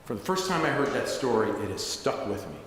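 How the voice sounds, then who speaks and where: A man's voice: medium pitch, sing-song, brisk, a bit bright. A man giving a sermon as a rabbi, telling a story in a conversational way with asides. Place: synagogue sanctuary. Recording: echoey synagogue hall, faint hiss.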